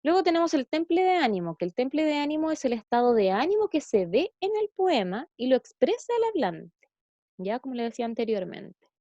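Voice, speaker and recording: A woman's voice: high voice, big pitch swings, brisk, mellow, no room sound. Chilean woman teacher explaining slides. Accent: Chilean Spanish. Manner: explanatory, addresses pupils, frequent "eh" and "¿cierto?". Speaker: schoolteacher. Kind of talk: recorded classroom lesson over slides. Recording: dull lo-fi dry recording.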